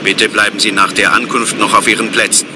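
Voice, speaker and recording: A calm airline captain speaks from his cockpit headset in a slightly low voice, measured and formal. A heavy airplane engine roar fills the background. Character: male airline captain making a calm cabin announcement. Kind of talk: scripted listening-exam recording. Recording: loud airplane engine noise behind. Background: airplane cabin hum.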